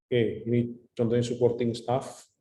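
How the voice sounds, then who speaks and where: A man lectures a class in a relaxed, chatty way, dropping English terms in and telling stories from his own experience. His voice is mellow and dark. The room gives it a clear echo. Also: medium pitch, a little slow, a little hiss or hum. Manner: chatty, mixes in English terms, tells anecdotes.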